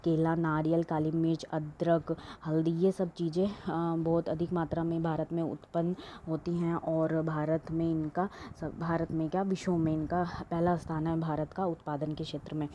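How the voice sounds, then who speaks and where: A woman's voice: deep voice, little pitch movement, normal speed, hardly any pauses, warm tone, muffled recording, slight background noise. A woman teaching an exam-prep lesson, reading questions aloud and explaining them with many fillers and restarts.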